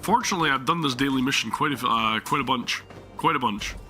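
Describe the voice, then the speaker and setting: Soft background music plays as a man streams a game live, talking fast in a medium-pitched voice with a sharp tone. His sore throat keeps stealing his voice, so the casual chat is rambling and apologetic, full of restarts.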